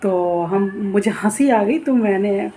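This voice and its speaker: A woman chats into her camera at home, telling everyday stories and acting out her husband's remarks in quick bursts. Her pitch sits in a middle range. Faint street noise from outside comes through behind her voice. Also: mellow. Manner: chatty storytelling, acts out husband's quoted lines. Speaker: vlogger. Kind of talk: casual vlog chat. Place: home room facing a noisy street.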